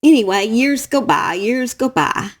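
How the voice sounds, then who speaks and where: A middle-aged woman with a Southern US accent speaks in a somewhat high voice. She tells her own story to camera in a halting, emotional way and circles back over the same phrases. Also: expressive. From Southern United States. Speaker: true crime YouTuber.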